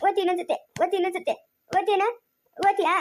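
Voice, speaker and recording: A furious mother tears into her young son in a family drama, played by a woman. She speaks with a rural Chikkaballapur Kannada accent in a very high voice. Her words come fast, and she fires the same questions at him again and again. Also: steady tone, darkish tone. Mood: angry scolding. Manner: scolding, repeats her questions over and over. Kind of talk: amateur family drama acting.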